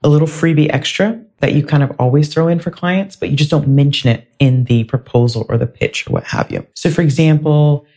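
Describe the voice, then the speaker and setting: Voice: medium pitch, a little fast, few pauses. Chatty solo podcast host. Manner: chatty, animated retelling with filler words.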